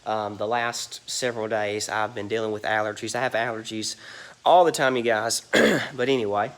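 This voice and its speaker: A reseller gives a casual tour of a large warehouse in a lowish, steady voice at a moderate pace. Stuffy and nasal from allergies, he rambles with plenty of ums and "you guys."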